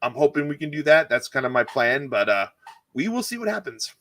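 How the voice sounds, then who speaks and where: A culinary teacher from California chats casually as a cooking channel guest, his medium-pitched voice sing-song, brisk and fairly bright in a dry recording. He rambles and corrects himself while explaining recipes, enthusiastic about food.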